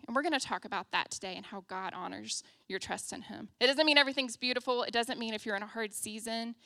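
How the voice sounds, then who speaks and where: A young woman giving a casual, self-deprecating sermon from a church stage, opening with a soft, hushed prayer and peppering her talk with "like" and "um.". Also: a little high, creaky, no echo, clean studio sound. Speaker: guest preacher.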